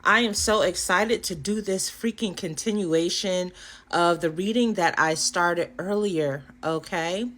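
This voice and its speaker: A woman doing a spiritual card reading for her viewers, affirming and animated, often checking in with "okay?" and yawning now and then. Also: lowish voice, unhurried. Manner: animated, affirming, frequent "okay?" tag questions. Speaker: tarot and oracle card reader.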